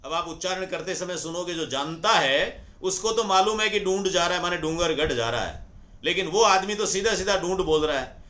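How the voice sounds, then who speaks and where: A middle-aged man explaining the origin of words in a measured lecture, slowly repeating phrases for emphasis. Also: high voice, pushed and bright. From Rajasthan, India. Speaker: scholar explaining word origins.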